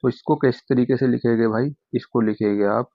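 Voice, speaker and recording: A young man teaching a Hindi exam-prep lesson, calling students his friends, repeating "okay" again and again, and saying tricky words out slowly syllable by syllable. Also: mid-range voice, no room sound, dull audio. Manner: addresses students as friends, repeats "ठीक है" constantly.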